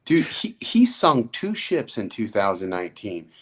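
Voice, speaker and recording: Low-voiced man in teasing banter. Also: huge pitch swings, measured pace, a bit bright. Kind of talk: casual livestream chat.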